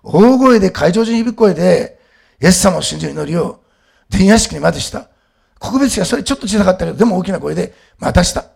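Gravelly-voiced male pastor preaching. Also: high voice, expressive, fast. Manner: swings from quiet storytelling to loud emphatic preaching. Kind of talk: sermon.

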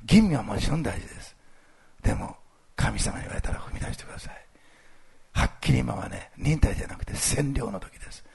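A man speaking as a pastor, giving a casual, lively sermon with church announcements and plenty of fillers. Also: medium pitch, brisk. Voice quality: gravelly, husky voice. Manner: lively, animated delivery with many fillers.

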